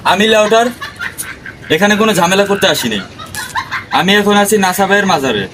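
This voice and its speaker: A man's voice: high-pitched, lively intonation, fairly quick, noisy background. A man playing a hot-headed adult man who rants indignantly and makes threats. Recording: music playing under the voice.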